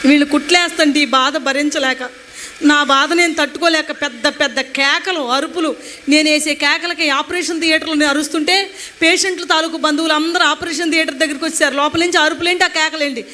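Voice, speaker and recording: Fast, high-voiced woman giving testimony. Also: slight background noise. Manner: emotional, animated retelling with acted quotes. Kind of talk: personal testimony storytelling.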